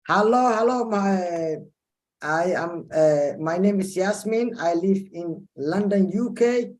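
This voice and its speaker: A woman from Somalia introducing herself haltingly on a video call as a guest speaker. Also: lowish voice, darkish tone. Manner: halting, with restarts. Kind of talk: self-introduction.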